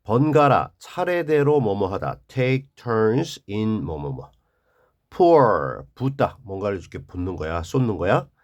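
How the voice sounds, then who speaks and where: A man's voice: lowish voice, very animated. A man teaching an English vocabulary lesson, reading each word and then explaining its meaning and stress. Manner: slow and drawn out, explaining stress and word forms.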